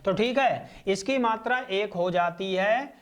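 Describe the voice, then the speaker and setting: A man's voice: high voice, slow pace. A male teacher with a Hindi accent gives a classroom lecture, drawing out each vowel sound and answering his own questions. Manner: asks questions and answers them himself.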